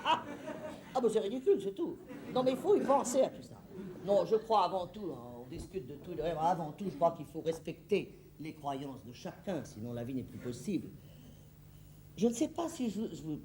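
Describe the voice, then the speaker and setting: A stage actress playing a flustered, fussy middle-aged hostess in a comedy monologue, rambling theatrically to the audience. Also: female voice, mid-range voice, background noise, close to an everyday voice.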